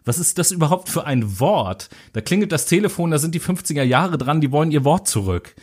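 A man's voice: on the high side, sing-song, a little fast, a little mellow. A man co-hosting a casual educational show, speaking with sarcastic, mocking humor and crude jokes. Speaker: co-host.

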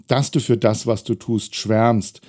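Low, mellow-voiced middle-aged man. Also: steady tone, measured pace. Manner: candid, reflective, wry. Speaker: self-employed trainer. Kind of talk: personal storytelling talk.

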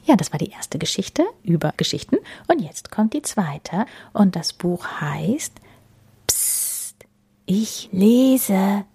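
Slow soft-spoken woman reading a storybook. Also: on the low side, very animated, creaky, breathy edge. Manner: soft, often whispered narration. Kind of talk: storybook read-aloud.

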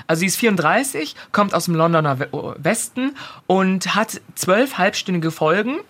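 Breathy woman chatting about a series. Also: fairly low pitch. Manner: lively retelling with quick quoted asides and many fillers. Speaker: podcast co-host recommending a series. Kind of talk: casual chat.

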